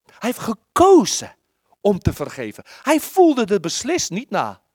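A preacher giving an impassioned sermon, repeating words, pausing for effect and acting out scripture quotes. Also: mid-range voice, wildly swooping pitch, darkish tone, no echo, clean studio sound. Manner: acts out the biblical quotes.

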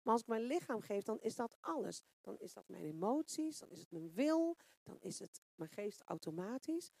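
A woman's voice: medium pitch, very animated, moderate pace, vocal fry, warm tone, no echo. A woman preaching an informal sermon, asking the room rhetorical questions and searching for words with frequent fillers.

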